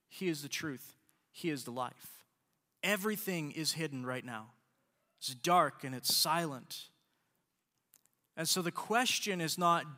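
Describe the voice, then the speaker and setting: A male pastor preaching a sermon in an earnest, emphatic manner, speeding up and slowing down for stress. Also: high-pitched, sharp tone, long reverb tail. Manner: earnest, emphatic, shifts between quick and slow.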